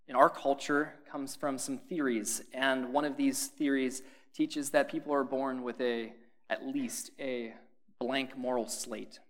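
A man preaching a sermon in a conversational way, putting questions to his listeners and adding dry humor. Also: mid-range voice.

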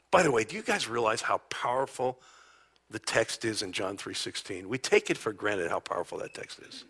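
A man preaching a conversational sermon as a pastor, telling stories and often dropping to a hushed near-whisper. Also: mid-range voice, breathy edge.

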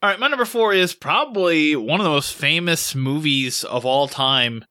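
A man's voice: fairly high pitch, expressive, normal speed, sharp tone, no echo, studio quality. A man co-hosting a podcast, rambling casually with a lot of fillers and restarts. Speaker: podcast co-host. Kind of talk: casual chat.

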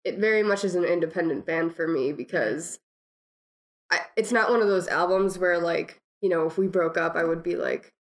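Young woman with a deep, chesty cold voice. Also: moderate pace. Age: young adult. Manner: frequent "like", informal. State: has a cold, tickly throat, coughing. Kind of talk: casual chat about music.

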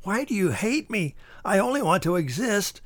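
A man's voice: high voice, very animated, moderate pace, fairly bright tone, no room sound, pitched above the performer's own voice, heavily acted. A man voicing a needy, hissing leech creature that pleads in a whiny way. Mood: pleading.

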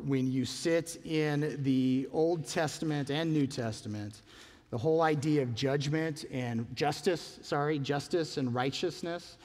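A man's voice: mid-range voice, a little mellow, long reverb tail. A man, a pastor, preaching a sermon in an earnest, conversational way, asking his listeners questions.

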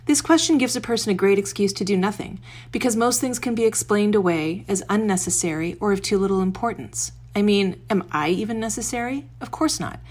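A woman reads her own blog post aloud with wry, self-deprecating humor, then drifts into easy, casual talk. Her voice sits at an ordinary middle pitch. She records it all under a blanket in her bedroom, so the sound is close and muffled. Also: brisk, few pauses, a little mellow. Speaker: blogger.

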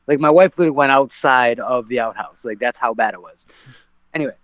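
A man's voice: medium pitch, brisk, no echo. Man, podcast guest, rambling storyteller, full of fillers and restarts, dull dry recording. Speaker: guest, professional MMA fighter.

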